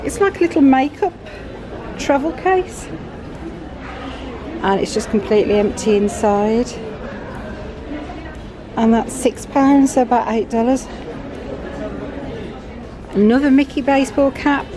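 A middle-aged British woman vlogging from a big store, chatting excitedly about items and their prices. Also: high voice, unhurried, long pauses. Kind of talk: shopping vlog walkthrough. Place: large busy store indoors. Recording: store music and crowd noise behind.

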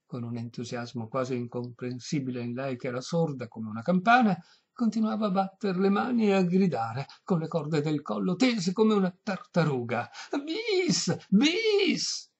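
A man reading a comic short story aloud in an expressive storytelling voice. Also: fairly high pitch, moderate pace, few pauses, slightly rough. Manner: expressive, animated narration. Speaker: audiobook reader. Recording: dull lo-fi recording.

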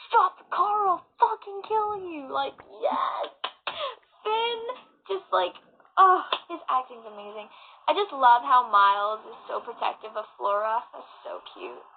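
A young woman in her late teens gushing excitedly as a cosplayer in casual fan chat. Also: a little high, gravelly. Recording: tinny phone-like audio, faint hiss.

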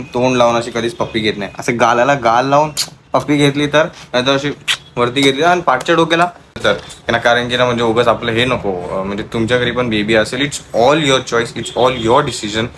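A man's voice: mid-range voice, steady tone, fairly quick, fairly bright tone, slight background noise. A young man filming a casual home vlog. He chats to the camera and talks baby talk to his toddler. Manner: chatty, switches between baby talk and explaining to viewers. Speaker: vlogger and father.

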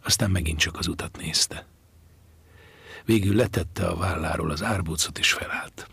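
A man narrating a literary audiobook slowly, in a breathy, half-whispered manner, close to the mic. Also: low-pitched, a bit bright, dry recording.

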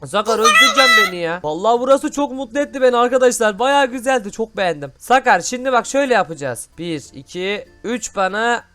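A man hosting excited gameplay commentary, full of loud exclamations. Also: very high-pitched, fast, hardly any pauses, faint music behind. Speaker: gaming host.

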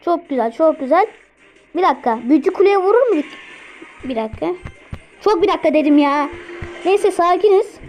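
A high-pitched woman commenting on her own game live, urging her units on and calming herself down. She repeats words in quick bursts while faint game music plays under her voice. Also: low-quality recording. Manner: excitable, talks to herself while playing. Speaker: gameplay streamer.

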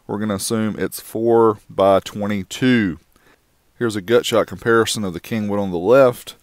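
A man's voice: lowish voice, no echo, clean studio sound. A man giving a casual voice-over review of a car amplifier, with wry joking asides.

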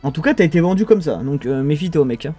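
Over soft background music, a young Frenchman casts a strategy game live in a casual way, talking fast in a fairly high, husky, dark-toned and animated voice. He keeps chatting with his viewers, frequently dropping sentences midway and starting them again.

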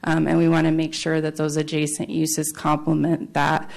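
Woman, city staff presenter. Low pitch, gravelly fry, formal but halting explanatory delivery. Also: completely flat delivery, a little mellow. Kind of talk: formal public meeting presentation.

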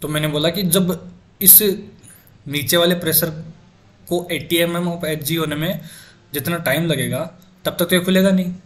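A young man with a fairly high voice gives a classroom lecture to medical students. He works through each step and keeps asking the class questions. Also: fairly even intonation, normal speed, long pauses.

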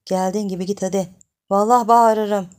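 A woman voicing a frightened young village wife who pleads in a hushed, frantic way. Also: mid-range voice, steady tone, a little fast, close to an everyday voice. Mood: pleading.

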